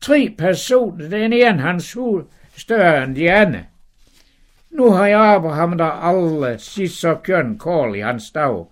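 A man voicing Abraham, an eager, hospitable old man, speaking excitedly. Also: high-pitched, pitched above the performer's own voice. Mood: amazed. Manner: excited, warm welcoming.

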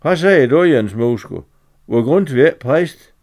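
A man's voice: medium pitch, animated, a little mellow, lightly acted. A man voicing a fumbling, muddled older male farmer who searches for words as he reads a dialect story aloud. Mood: rambling.

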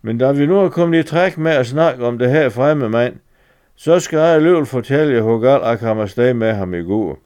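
A man's voice: mid-range voice, animated, a little mellow, smooth, natural voice. A man voicing a fumbling, muddled older male farmer who searches for words as he reads a dialect story aloud. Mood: rambling.

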